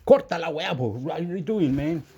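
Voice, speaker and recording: A man's voice: on the high side, lively intonation, moderate pace, mellow, husky. A man from southern Chile with a Chilean accent, chatting loosely through a home cooking vlog, rambling and mixing English with Spanish. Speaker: cooking vlogger. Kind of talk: casual cooking vlog with pep talk. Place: home kitchen.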